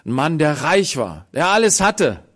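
Animated male preacher, lively slow storytelling. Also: fairly high pitch. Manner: dramatic storytelling with sudden loud-soft swings; acts out the voices of people in the story. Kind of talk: sermon.

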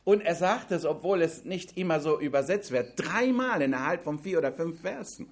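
A man's voice: fairly high pitch, animated, normal speed. A man preaching a sermon, speaking emphatically and addressing the congregation directly with pointed questions.

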